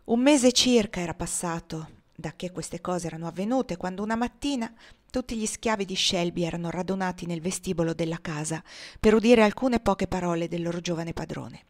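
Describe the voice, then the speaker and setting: A woman narrating a classic novel as an audiobook reader, measured and sometimes dropping to a near whisper. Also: lowish voice. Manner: measured, softening to near whisper in sad passages.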